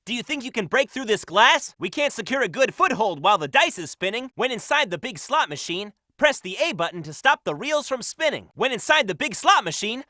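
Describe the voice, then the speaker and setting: A man voicing a cocky, upbeat young hedgehog hero in a video game, brash, energetic and confident. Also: very high-pitched, fairly quick, hardly any pauses, no echo, clean studio sound, full character voice. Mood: explaining.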